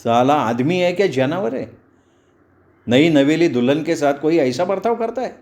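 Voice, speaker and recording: A man voicing a blunt male driver, rough and indignant in tone. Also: a little high, expressive, moderate pace, a little mellow.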